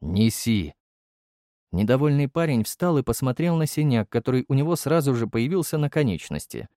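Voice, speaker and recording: A man's voice: mid-range voice, big pitch swings, fairly quick, dark tone, no room sound, clean studio sound. A man narrating a first-person fantasy audiobook in a brusque, blunt manner.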